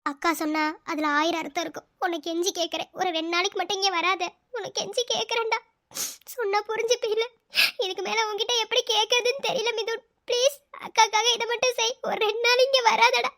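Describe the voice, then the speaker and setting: A protective cartoon older sister, earnest and begging, as a woman plays her. Her voice is very high and soft-edged with feeling. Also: fast talker. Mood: pleading. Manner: earnest, pleading. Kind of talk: cartoon voice acting.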